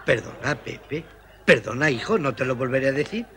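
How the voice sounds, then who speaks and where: A man's voice: mid-range voice, lively intonation, moderate pace, fairly bright tone, slight background noise. An actor playing a flamboyant, affected man strolling at night, talking in a giggly, coquettish manner. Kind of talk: film dialogue.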